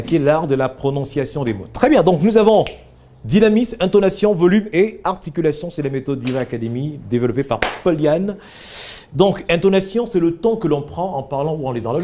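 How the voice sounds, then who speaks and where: A man's voice: fairly high pitch, warm tone. A man coaching trainees in public speaking during a live workshop, giving directions and demonstrating lines himself.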